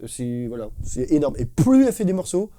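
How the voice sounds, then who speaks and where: A man's voice: fairly high pitch, big pitch swings, a little fast, warm tone, a little hiss or hum. A man teaching a casual drum lesson, enthusiastic and slangy, imitating drum fills with spoken syllables. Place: drum studio. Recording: drum music playing behind the voice.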